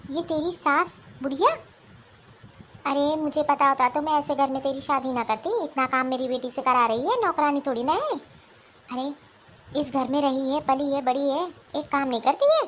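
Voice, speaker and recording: A woman's voice: sits high, a bit bright, slight background noise. Woman voicing a bossy old mother-in-law. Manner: scolding, nagging. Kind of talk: animated cartoon voice acting.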